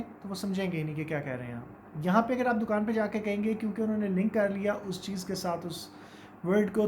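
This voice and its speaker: A man's voice: sits high, a little mellow, a little hiss or hum. A man with a Pakistani accent teaching English pronunciation, explaining casually and mixing English words into his talk. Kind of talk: informal spoken lesson.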